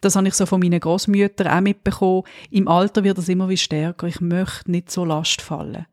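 A woman with a Swiss German accent, co-hosting a podcast and telling stories in a lively, ironic way. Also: on the low side, fairly quick, no echo, clean studio sound. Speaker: podcast co-host. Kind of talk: casual podcast chat.

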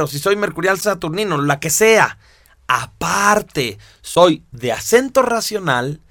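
A man's voice: high-pitched, a bit bright, dry recording, studio quality. A man teaching a lesson, walking through examples and often checking in with "¿sí?". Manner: explains with examples, asks "¿sí?" often. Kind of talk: explanatory lecture.

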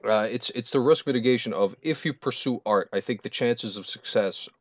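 A man in his twenties talking in a measured, analytical way, often checking in with "right?". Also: medium pitch, dry recording. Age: 20s. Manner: measured, analytical, says "right?" and "you know". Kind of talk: casual chat.

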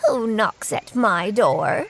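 A man's voice: sits high, animated, vocal fry, a bit bright, voice pushed up, heavily acted. A man voicing a very old witch in a storybook reading, coaxing and sweet-voiced. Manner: slow, coaxing.

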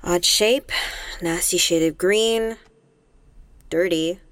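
An actress playing a dry, sarcastic deputy who guards the jail. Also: female voice, lowish voice, slow pace, fairly bright tone, dry recording.

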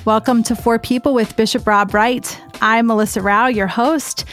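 A woman's voice: a little high, steady tone, normal speed, a bit bright, faint music behind. A woman hosting an interview podcast, upbeat and enthusiastic. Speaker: podcast host.

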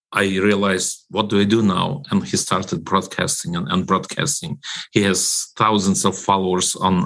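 A man telling a story as an interview guest, halting and repeating his words. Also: deep voice, fairly bright tone. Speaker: interview guest from a broadcasting ministry.

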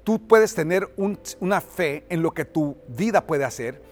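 A man preaching a sermon as pastor, emphatic, often asking the congregation to repeat his words and building to loud, forceful peaks. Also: a little high, animated, a little slow, soft background music. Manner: rises to loud, forceful delivery at climaxes.

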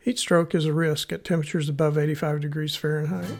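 A man with a Missouri accent narrates a scripted educational podcast. His voice sits a little high for a man and carries a lot of gravelly fry. He sets out the material in a measured, instructional manner, as a host teaching listeners. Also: level tone, loud music behind the voice. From United States, Missouri.

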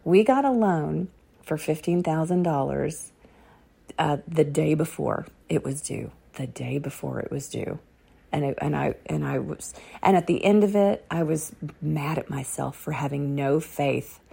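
A middle-aged woman telling a personal faith testimony outdoors on a dark autumn morning, earnest and repeating key phrases for emphasis. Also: deep voice, a little slow, gravelly, husky.

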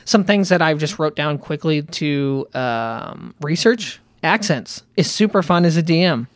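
A man co-hosting a casual podcast chat about running tabletop games, animated and laughing often. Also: on the high side, measured pace, no room sound. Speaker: podcast co-host and game master.

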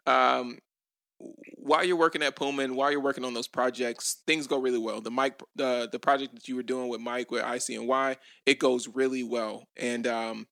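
A man hosting an interview, prompting his guest calmly with frequent affirmations. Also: mid-range voice, normal speed, creaky, no room sound, clean studio sound. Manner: calm, prompting, many affirmations. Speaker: host. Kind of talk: interview podcast.

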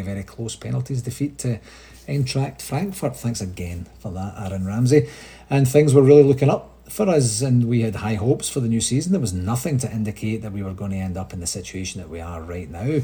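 A man's voice: on the low side, brisk, mellow. A Scottish man hosting a casual solo podcast update, chatty and rambling, with frequent restarts. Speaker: supporters' association podcast host.

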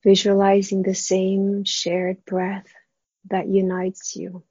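A dry, slightly muffled recording of a woman leading a guided meditation. She speaks in a soft, hushed near-whisper that is breathy and husky, with a faint creak. Her delivery is gentle and unhurried, with long pauses. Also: mid-range voice, monotone, no echo.

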